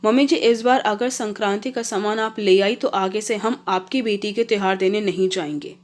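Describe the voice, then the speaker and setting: A woman voicing a sharp-tongued young daughter-in-law in a told family story. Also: mid-range voice, fairly even intonation, moderate pace, lightly acted. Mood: curt. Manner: curt, argumentative.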